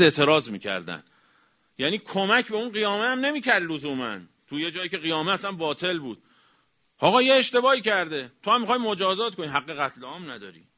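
A man delivering a religious lecture, emphatic, swinging from raised exclamations down to quiet, low remarks. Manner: emphatic, rising to exclamations then dropping low. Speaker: cleric.

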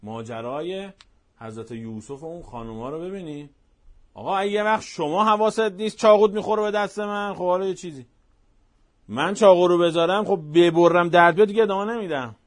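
A man preaching a religious sermon, telling stories emphatically and swinging between hushed and loud, passionate delivery. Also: sits high. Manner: repetitive, emphatic storytelling.

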